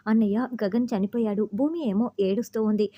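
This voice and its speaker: A woman's voice: medium pitch, steady tone, a little fast, close to an everyday voice. A woman reading the lines of a worried sister who coaxes and pleads with the family. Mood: coaxing. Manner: coaxing, pleading. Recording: dull lo-fi audio.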